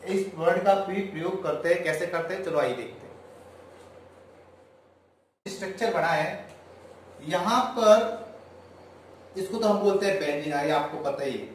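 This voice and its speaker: A man's voice: sits high, slight background noise. A man teaching a chemistry class as a lecture. He counts aloud and asks the class questions, then answers them himself. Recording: very echoey room, voice far from the mic.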